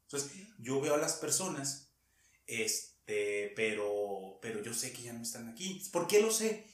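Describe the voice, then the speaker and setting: A man's voice: medium pitch, big pitch swings. Rambling Mexican man, distant echoey sound. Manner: rambling, halting, laughs often. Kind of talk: casual storytelling in conversation. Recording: echoey room, far from mic.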